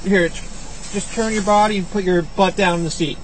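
A man's voice: sits high, fairly even intonation, moderate pace. A male police officer giving coaxing, explanatory step-by-step instructions. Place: outdoors beside a police car at night. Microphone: body camera. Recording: noisy outdoor police bodycam.

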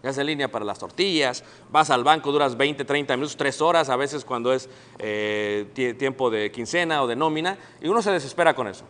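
Speaking at a brisk clip in a mid-range voice, this middle-aged Mexican man delivers an animated sermon. He quizzes the congregation and performs the people he quotes, while the church hall adds a long, lingering reverb to the recording.

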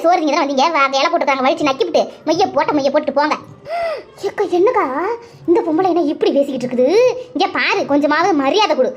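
A quarrelsome village woman from a cartoon, voiced by a woman, firing off taunts. Her voice sits high and the words tumble out fast. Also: lo-fi sound. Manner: scolding, rapid-fire taunts. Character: sharp-tongued quarrelsome village woman, loud and cutting. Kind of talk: cartoon voice acting.

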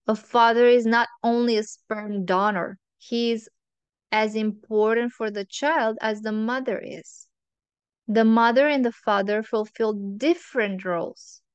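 Slow, smooth-voiced woman giving relationship advice. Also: on the high side, dry recording. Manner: earnest and opinionated, speaks in measured lists. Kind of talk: advice monologue to camera.

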